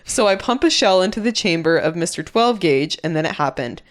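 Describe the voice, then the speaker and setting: A young woman co-hosting a podcast, telling stories and chatting in an animated way, laughing often. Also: on the low side, a little fast. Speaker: podcast co-host. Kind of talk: casual chat and reading stories aloud.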